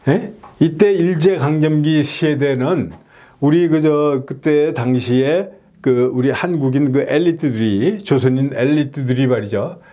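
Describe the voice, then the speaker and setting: A middle-aged man explaining English pronunciation in a lesson, often checking in with a quick rhetorical "yes?". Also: a little high. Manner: animated, frequent rhetorical "예?" checks.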